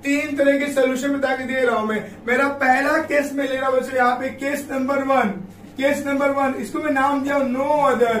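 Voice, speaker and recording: A man's voice: very high voice, flat delivery, moderate pace, fairly bright tone. A male grammar teacher, giving a classroom-style lesson, repeatedly calling his students kids and answering his own questions. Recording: echoey room, voice far from mic, faint background noise.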